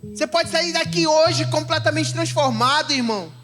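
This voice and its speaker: Music plays behind this young man as he delivers a church-service sermon full of emotion and personal testimony, speaking with a Brazilian Portuguese accent. His pitch is extremely high and his pace moderate, and he swings from loud exclamations to quiet confidences, repeatedly addressing the congregation as "irmão."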